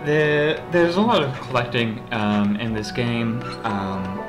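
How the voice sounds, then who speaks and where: A man's voice: mid-range voice, takes it slowly. A man hosting a let's play, chatting casually in a rambling way with wry asides. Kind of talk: casual gameplay commentary. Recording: game music behind voice. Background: game music and dialogue.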